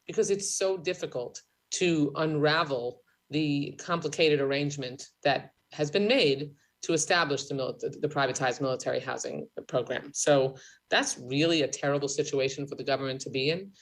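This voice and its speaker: A woman politician chairing a legislative hearing, speaking formally in a halting, emphatic way that repeats key phrases. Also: sits low, low-quality recording. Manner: politician's measured, halting delivery with emphatic repetition.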